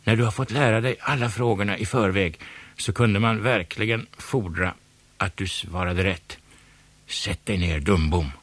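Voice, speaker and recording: A man voicing a pompous, bossy male cat running a quiz, loud and showy, snapping when crossed. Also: on the low side, no room sound. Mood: scolding.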